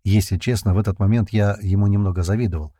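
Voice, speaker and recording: A man narrating an adventure audiobook in the first person, in a steady storytelling manner. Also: lowish voice, quick pace, dry recording, clean studio sound.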